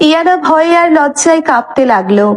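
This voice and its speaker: A woman's voice: sits high, expressive, a little fast. A woman giving dramatic, scripted narration of a romance story. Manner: dramatic, descriptive. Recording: soft background music.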